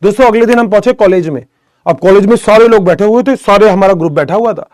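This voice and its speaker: Young male biology teacher, high voice, dry recording; casual, joking classroom delivery. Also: fast, darkish tone, no echo. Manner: chatty, addresses students as beta, jokes often. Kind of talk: casual classroom lecture with storytelling.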